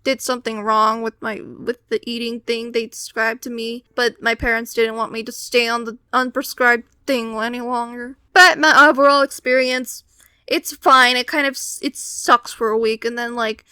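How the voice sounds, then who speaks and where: A woman's voice: fairly high pitch, flat delivery, normal speed, bright, forceful tone, clear, resonant tone, no echo. A teenage girl telling a personal story casually, with wry, exasperated complaints and acted-out quotes.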